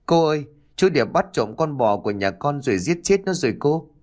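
A man's voice: big pitch swings, brisk, darkish tone. A man voicing a stubborn, grieving young village girl, with a pleading, raised voice. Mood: angry, accusing. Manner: pleading, tearful, raised high voice.

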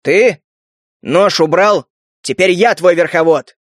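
A man's voice: sits high, slow pace, dry recording, clean studio sound. A man voicing a tough young male leader who barks commands. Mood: commanding. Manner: commanding, barking orders.

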